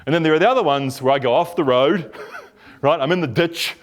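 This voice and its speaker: A middle-aged couples therapist with a New Zealand accent speaks informally to a workshop group. His voice sits slightly higher than most men's. He talks in a relaxed, rambling way, restarting phrases and often checking in with the room. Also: brisk. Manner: conversational, lots of fillers and restarts, checks in with listeners.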